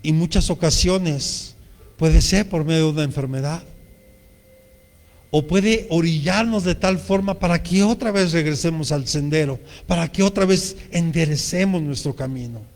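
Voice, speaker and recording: A man's voice: fairly high pitch, moderate pace, a little mellow, in a large hall. A man with a Mexican accent preaching a sermon as pastor, speaking earnestly and addressing the congregation directly. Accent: Mexican Spanish.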